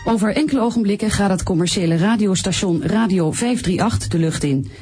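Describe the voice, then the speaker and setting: A woman newsreader reading a radio news bulletin in a formal, measured way, heard as an archival radio news broadcast. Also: mid-range voice, animated, a little mellow, faint music behind.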